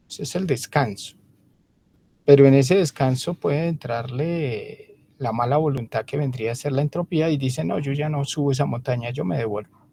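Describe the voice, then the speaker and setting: A man delivers a lecture at an unhurried pace, stopping often between phrases. His voice has a gravelly edge, and there is a faint hiss of noise in the recording. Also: mid-range voice, a little mellow. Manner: measured, pausing, with frequent fillers. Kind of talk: slow spoken lecture.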